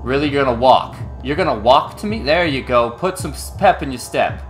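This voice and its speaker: A man with a mid-pitched voice that leaps up and down as he gives casual commentary over a game. He jokes, swears and yelps in panic. Loud game music plays behind him. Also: animated, a little fast. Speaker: let's play gamer.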